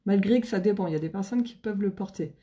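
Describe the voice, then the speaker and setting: A woman's voice: mid-range voice, fast, mellow. A woman with a French accent, chatting on a live stream as she presents makeup, bubbly, with casual slang and greetings to viewers by name. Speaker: independent makeup seller. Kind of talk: live stream sales chat.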